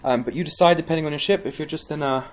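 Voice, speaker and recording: On the high side and very fast, a man presents a game guide, rambling casually through a gameplay tutorial. He chats constantly, keeps restarting, and comes across as buzzing with caffeine.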